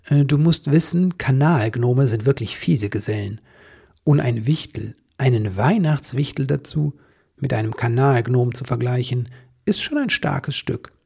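A man's voice: medium pitch, lively intonation, a little slow, gravelly, breathy edge, heavily acted. A man doing kindly old Santa Claus. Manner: warm, chuckling, gentle.

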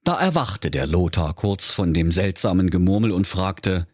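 A man's voice: low voice, animated, moderate pace, slightly rough, no echo, clean studio sound. A middle-aged man with a Saxon accent narrating a comic fairy tale playfully for children. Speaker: storyteller.

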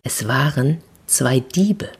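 A woman storyteller narrates a children's fairy tale in a low, slightly husky voice. She is expressive and takes slow, dramatic pauses.

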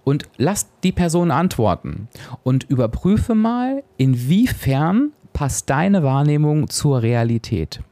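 Lively warm-voiced man talking to listener. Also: on the high side, slow pace, dry recording. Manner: talks straight to the listener, tag questions. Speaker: podcast host and coach. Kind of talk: solo podcast monologue.

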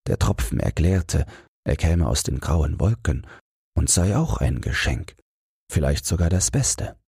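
A man narrating a fairy tale as a calm, soothing bedtime audiobook. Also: rumbling low, measured pace, gravelly, slightly rough, no echo, studio quality.

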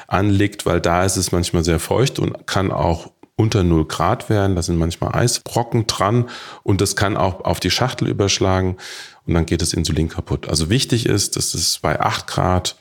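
Ein Arzt erklärt ruhig und sachlich, wie man Insulin spritzt und lagert. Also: sits low. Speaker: diabetes doctor. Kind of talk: explaining to camera.

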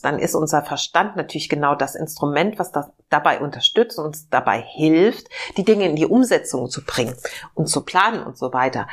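Gentle and searching, a woman hosting a podcast talks through reflective self-help ideas with plenty of fillers. Her voice is lowish and slightly hoarse from a cold.

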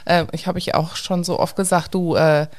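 A woman with a somewhat low voice talks casually about her daughter. She backs up the other speaker with frequent agreement. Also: flat delivery, fairly quick, dry recording, studio quality. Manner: affirming, with many mhm's. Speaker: mother of a daughter. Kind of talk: casual podcast conversation.

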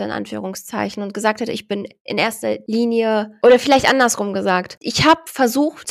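A woman from Berlin speaks in a relaxed conversation. Her voice sits a little on the high side, and she reflects as she goes, often pausing to search for the right words. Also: vocal fry. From Berlin, Germany. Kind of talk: casual chat.

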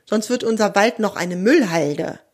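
A woman's voice: mid-range voice, lively intonation, measured pace, darkish tone. A woman voicing a proud, friendly female wild boar in a children's audio story, speaking with dignity and easy indignation. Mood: indignant.

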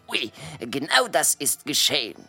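A woman voicing a kind male butterfly waiter with French touches in his German, soft and polite in a children's audio drama. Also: a bass voice, big pitch swings, measured pace, vocal fry, breathy edge, full character voice. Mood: unsure.

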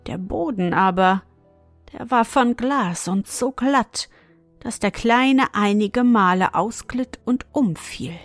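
A woman narrating a fairy tale in a measured, expressive storytelling manner. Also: medium pitch, no room sound, faint music behind. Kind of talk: fairy-tale audiobook reading.

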